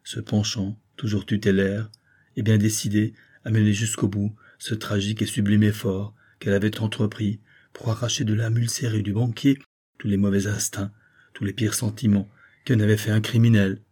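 A man reads a classic novel aloud with dramatic, measured narration. His voice sits low, with a dark and husky tone. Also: level tone. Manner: dramatic literary reading.

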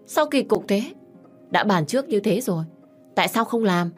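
A bossy, scheming older aunt scolds in a raised, shrill voice in a storybook tale, as a woman narrator puts her on. She talks down to everyone around her. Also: expressive, normal speed, soft background music, close to an everyday voice. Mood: scolding. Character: scheming older aunt, domineering and sharp-tongued.

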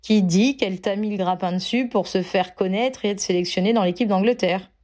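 A woman's voice: medium pitch, a little fast, darkish tone, lightly acted. A woman reading a storybook, voicing a blunt, hot-headed young man. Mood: indignant.

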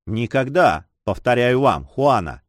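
A man's voice: medium pitch, very animated, measured pace, no echo, studio quality, pitched below the performer's own voice. A man reading an earnest young nobleman in love in an audiobook, tender and agitated. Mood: ardent.

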